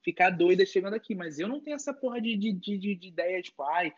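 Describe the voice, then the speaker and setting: A man's voice: high voice, highs cut off, over a noisy crowd. A young man from Brazil chatting casually with friends over a call, rambling and swearing freely. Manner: swears a lot, rapid and rambling. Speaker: friend calling in. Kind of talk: casual chat.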